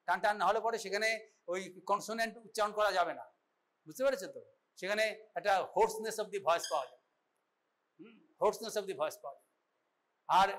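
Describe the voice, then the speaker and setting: A man's voice: high voice, fairly bright tone. A man giving a medical college lecture, instructive and often checking that students understand. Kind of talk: classroom lecture, demonstrating an exam.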